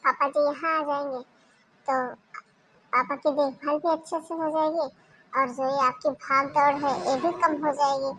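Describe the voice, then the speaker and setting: Woman playing a young cartoon daughter, high voice, earnest, argues back. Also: steady tone, moderate pace, fairly bright tone, slight background noise. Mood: persuading. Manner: earnest, protesting, persuasive. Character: young caring daughter who defends her sister-in-law. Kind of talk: Hindi cartoon voice acting.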